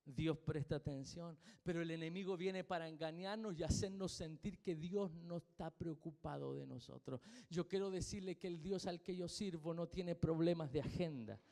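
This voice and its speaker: A man's voice: fairly high pitch, normal speed, gravelly, hardly any pauses, mellow. A man with a Chilean accent preaching a sermon in church, emphatic and repeating his points with questions to the congregation. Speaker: pastor. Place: church sanctuary. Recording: long reverb of a church hall.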